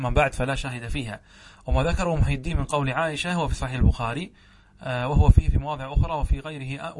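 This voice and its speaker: A man's voice: medium pitch, noisy background. Man teaching grammar, asking and answering himself. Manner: explanatory, asks and answers own questions. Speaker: sheikh teaching Arabic grammar. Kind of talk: classroom lesson commentary on a grammar text.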